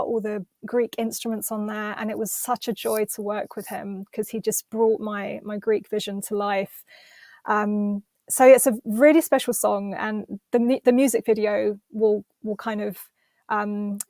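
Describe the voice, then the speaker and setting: A London singer with an English accent chats enthusiastically as a podcast guest, rambling along with many small restarts in a casual interview. Her voice is mid-range with a darkish tone, and there's no room sound.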